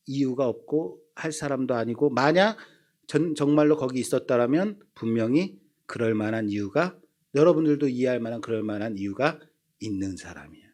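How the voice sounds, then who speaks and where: A man in his fifties, a pastor preaching a sermon, telling stories with self-deprecating humor. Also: mid-range voice.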